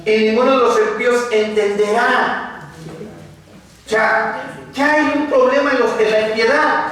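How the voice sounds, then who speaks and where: Male preacher, sermon, rhetorical questions, high voice, distant mic, echoing hall. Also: steady tone, a little slow, fairly bright tone. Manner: asks the congregation rhetorical questions. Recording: echoey hall, mic far off.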